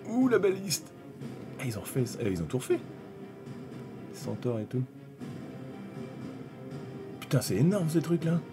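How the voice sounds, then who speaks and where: A man's voice: medium pitch, very animated, normal speed, pauses often, over music. A man chatting casually through a live stream about hobby miniatures, thinking aloud, rambling, with many fillers and restarts. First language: French.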